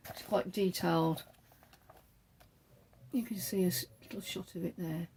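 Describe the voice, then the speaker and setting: A woman's voice: on the low side, steady tone, unhurried, creaky, a little mellow, slight background noise. A woman hosting a knitting podcast, chatting casually as she shows patterns from a book, rambling and correcting herself as she goes.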